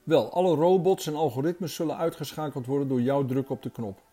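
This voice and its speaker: A talking deer delivers warnings with grave, pressing earnestness, as a male narrator puts him on. The voice sits a touch higher and fuller than the storyteller's own, mellow and warm underneath. A faint bed of music hums behind. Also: fairly quick, husky. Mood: urgent.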